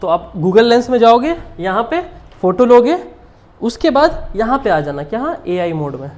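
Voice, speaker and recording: A man's voice: extremely high pitch, very animated, normal speed, darkish tone. A man teaching English grammar to a live class. He keeps quizzing his students, mixes Hindi with English, and chuckles often.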